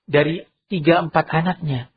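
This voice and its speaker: A man with an Indonesian accent delivers a sermon in a large mosque, animated and sharply changing his voice to act out quoted people. His voice is raspy and fairly high. The recording is muffled and lo-fi, with low bitrate. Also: moderate pace. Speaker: preacher.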